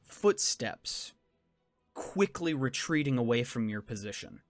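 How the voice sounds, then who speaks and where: A man with a medium-pitched voice runs a tabletop fantasy game. He tells the scene in measured, descriptive second person. The recording is dry, with faint music behind him. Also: expressive, fairly bright tone, no echo. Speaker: game master.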